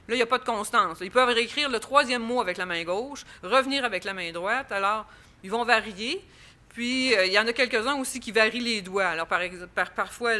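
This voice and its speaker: A woman's voice: mid-range voice, pushed and bright. A woman with a Quebec French accent presenting research at an academic conference, explaining step by step with frequent fillers and restarts.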